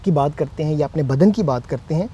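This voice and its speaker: Mellow-voiced man teaching scripture. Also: fairly high pitch, husky, dull audio. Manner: measured, hesitant fillers, quotes scripture. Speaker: co-host. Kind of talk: conversational Bible teaching.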